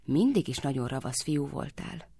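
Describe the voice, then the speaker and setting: A woman voicing a sharp-tongued, bossy young girl in a storybook reading, scolding and brisk. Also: rumbling low, animated, gravelly, slightly rough, dry recording, full character voice.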